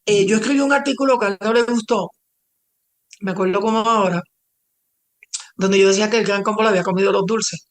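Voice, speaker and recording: An older woman with a Puerto Rican accent, a former publicist, telling animated stories in an interview and slipping in English phrases. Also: medium pitch, quick pace, long pauses. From Puerto Rico. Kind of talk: storytelling interview.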